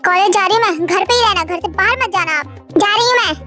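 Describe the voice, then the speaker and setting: A woman's voice: very high voice, fast, sharp tone. A young woman voicing a short-tempered scolding girl. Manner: scolding, blunt. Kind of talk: storybook voice acting. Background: faint background music.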